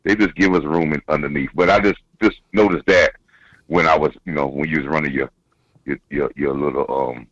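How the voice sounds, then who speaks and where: A man speaks over the phone in a low voice, calling in as a football coach. He talks casually, stumbling and repeating words as he works toward his point. The line is dull and dry. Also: fairly even intonation, a bit bright, breathy edge, dry recording. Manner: halting, repeats words while building a point. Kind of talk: casual sports chat.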